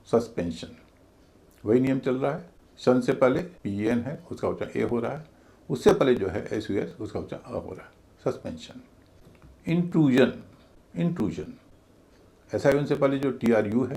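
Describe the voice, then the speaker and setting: A man's voice: mid-range voice, mellow. A man teaching English pronunciation in a video class, spelling words letter by letter and chanting their stress patterns.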